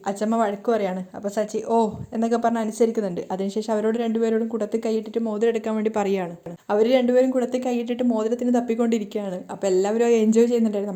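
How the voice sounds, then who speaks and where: A woman retells a serial episode in a casual story voice, racing through the narration. Her voice is mellow and dark-toned, pitched a little high. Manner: rapid, running narration with quoted dialogue.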